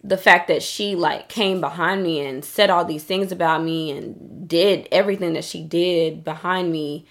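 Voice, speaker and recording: A woman's voice: lowish voice, fairly even intonation, normal speed, hardly any pauses, a bit bright. A woman co-hosting a podcast, telling a personal story in a candid, emphatic way, cursing often and saying "like" a lot. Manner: emphatic, profane storytelling with frequent "like". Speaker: podcast co-host. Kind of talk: candid casual podcast chat. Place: Dallas.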